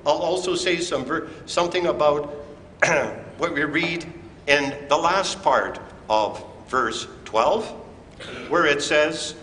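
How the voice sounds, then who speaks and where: A pastor giving a communion sermon in a church, preaching in a slow, deliberate and emphatic way. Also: male voice, a little high, sharp tone. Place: church sanctuary. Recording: echoey church hall with faint room noise.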